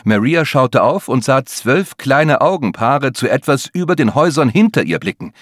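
A male audiobook narrator reads a tense thriller with dramatic delivery. His pitch moves a lot, and the sound is dry and close with no room echo. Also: very animated, moderate pace. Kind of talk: scripted narration.

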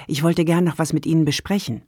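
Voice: medium pitch, fairly even intonation, fast talker, dry recording, close to an everyday voice. Narrator plays upbeat nurse, lifted friendly voice; dry close audiobook read. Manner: raised, bright caring tone. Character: cheerful care-home nurse woman. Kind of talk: audiobook character dialogue.

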